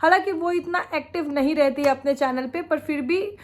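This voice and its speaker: In a casual reaction vlog, a woman shares strong opinions about fellow creators and laughs a lot despite a cold-induced sore throat. Her voice is high-placed, and she speaks at a moderate pace.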